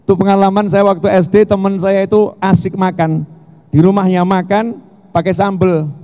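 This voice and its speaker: Animated joking preacher in reverberant hall. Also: male voice, high-pitched, normal speed. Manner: animated, joking storytelling with shouted emphasis. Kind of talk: sermon. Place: large hall at a religious festival.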